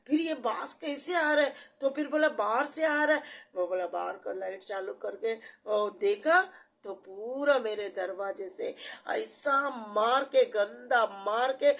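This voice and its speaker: A woman giving a personal faith testimony, earnest and repetitive, with frequent restarts. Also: a little high. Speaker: church member giving testimony.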